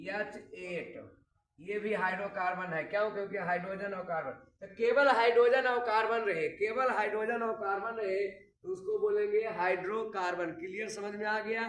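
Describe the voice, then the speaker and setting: Male Bihari-accented chemistry teacher, high voice, repeats points, recorded from afar in an echoey room. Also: fairly bright tone, far from the mic, a little hiss or hum. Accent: Bihari Hindi. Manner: repeats key points, addresses students as kids. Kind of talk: classroom lecture at a board.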